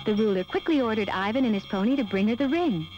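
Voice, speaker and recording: A woman storyteller reads scripted narration for a children's fairy tale, quick and expressive, with a fairly high pitch. Music plays behind her on a dull, lo-fi soundtrack.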